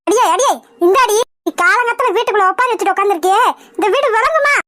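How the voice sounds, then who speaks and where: A woman voicing a sharp-tongued old grandmother in a cartoon comedy, shrill and nagging. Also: expressive, fast, no room sound, studio quality. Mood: scolding. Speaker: cartoon voice actor.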